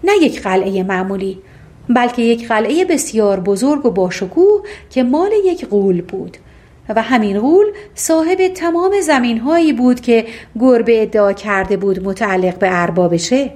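A woman's voice: a little high, lively intonation, a little mellow. A woman narrating a fairy tale audiobook, reading expressively and voicing the characters herself.

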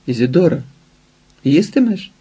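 Man reading a shy lovesick young man, hesitant, plain voice, husky and dark, audiobook figure. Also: on the high side, big pitch swings, unhurried, pitched above the performer's own voice, exaggerated voice. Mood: gentle.

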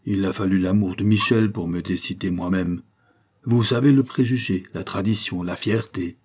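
A man's voice: low-pitched, normal speed, a little mellow, husky. A man reading an audiobook voices a good-humored, effusive older father who is devoted to his mother. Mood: earnest.

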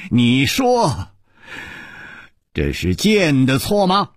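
A man voicing a calm, wise male swordsman who speaks in a measured, reflective way. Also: mid-range voice, no room sound, clean studio sound, pitched above the performer's own voice, full character voice.

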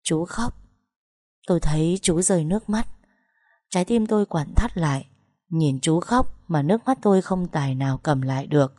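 A woman's voice: low-pitched, animated, fairly quick, warm tone, dry recording, studio quality. A woman narrating a first-person dramatic story with emotional, tense storytelling.

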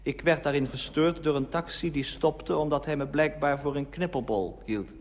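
Man, humorous storyteller, lively and acting out his quotes; old radio recording with faint hiss. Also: fairly high pitch, moderate pace, big-room sound. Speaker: humorous columnist reading his own piece. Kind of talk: comic first-person storytelling.

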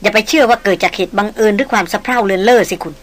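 A woman voicing a calm, stern hunter guide. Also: mid-range voice, racing, natural voice.

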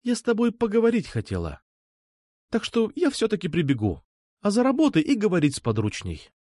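A man voicing an eager, insistent young woman who keeps pressing to come over, with hurried pleading lines. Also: sits high, huge pitch swings, warm tone, no room sound, studio quality, pitched above the performer's own voice, exaggerated voice. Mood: anxious. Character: young woman, eager, pushy, uneasy schoolgirl.

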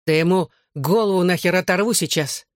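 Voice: mid-range voice, fairly quick, no echo, natural voice. An audiobook reader voicing a hot-headed, drunk young male brawler who snarls his threats, in a dry close recording. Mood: furious. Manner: snarling, aggressive.

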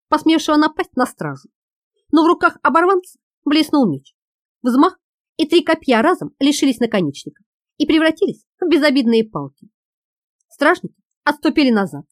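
A woman narrating an audiobook in a lively, expressive reading. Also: high voice, no echo, clean studio sound.

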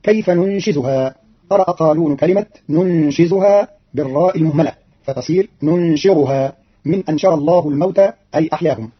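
Male radio announcer, fast and breathy, slightly high voice, dull archival radio sound. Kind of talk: formal scripted explanation.

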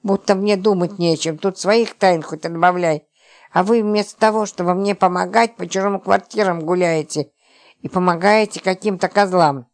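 A sarcastic, short-tempered man in an audiobook, snapping and scoffing one moment and bursting out the next, as a woman reader puts him on. The voice sits fairly low and is read in a plain storybook manner. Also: fairly even intonation, normal speed, close to an everyday voice. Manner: sarcastic, explosive outbursts. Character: exasperated sarcastic man, a company boss hiding out.

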